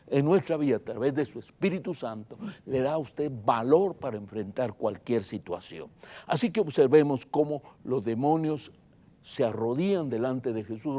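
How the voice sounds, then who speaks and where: A pastor preaching a sermon, emphatic and dramatic, swinging between loud and soft and repeating phrases for emphasis. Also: male voice. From Guatemala. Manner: emphatic preaching with wide swings in loudness and pitch.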